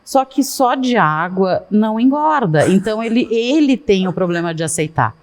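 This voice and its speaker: A middle-aged woman, a guest in a casual interview, talking at length and in an animated way with many asides. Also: mid-range voice, moderate pace. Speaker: guest, fashion consultant.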